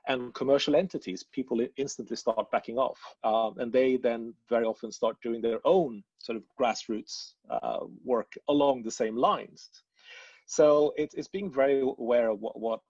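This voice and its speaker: Gravelly man on a muffled video call. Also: medium pitch, darkish tone, dry recording. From Sweden. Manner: hesitant, many restarts. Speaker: panel speaker, design strategist. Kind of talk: webinar panel answer.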